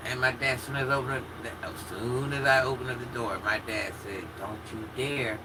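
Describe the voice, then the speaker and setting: An American woman with a naturally husky voice tells personal stories casually to a live chat in an animated, dramatic way. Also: very deep voice, fast. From rural United States, country upbringing. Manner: animated, dramatic retelling with acted-out quotes. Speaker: livestreamer chatting with viewers. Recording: distant mic with faint background noise.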